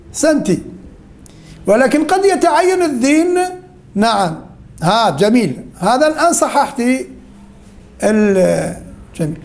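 A male teacher leading an interactive class, firing questions at students, then praising or correcting their answers, and slowly repeating the key points. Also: very high voice, a little mellow.

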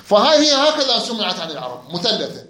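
Male teacher, tense high-ish voice, keeps quizzing the class, echoey room recording. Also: very animated, quick pace, pushed and bright. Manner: prompts students with questions and repeats answers. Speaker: Arabic grammar teacher. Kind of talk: classroom lecture.

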